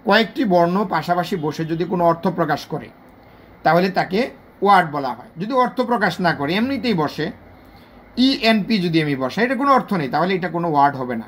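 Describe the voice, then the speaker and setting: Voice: medium pitch, animated. Patient Bangladeshi teacher drawing out words. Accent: Bangladeshi Bengali. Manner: patient and repetitive, drawing out example words slowly syllable by syllable. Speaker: English teacher. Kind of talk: spoken video lesson.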